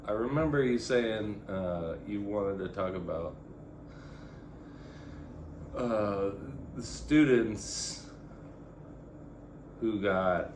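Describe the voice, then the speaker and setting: A young man co-hosting a podcast, chatting casually and prompting with halting questions. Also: fairly low pitch. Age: young adult. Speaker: podcast co-host. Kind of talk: casual interviewing chat. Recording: echoey room, faint noise.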